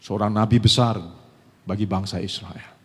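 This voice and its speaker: A man's voice: fairly low pitch, steady tone, normal speed, a little mellow, breathy edge. A man pastor preaching a conversational sermon, addressing the congregation directly and asking them rhetorical questions. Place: church sanctuary. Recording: long church hall reverb.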